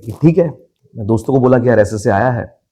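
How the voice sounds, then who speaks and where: A man's voice: medium pitch, fast talker. Indian man telling his story. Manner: lively storyteller who acts out family members' voices. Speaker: podcast guest, actor. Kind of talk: casual storytelling in a podcast interview.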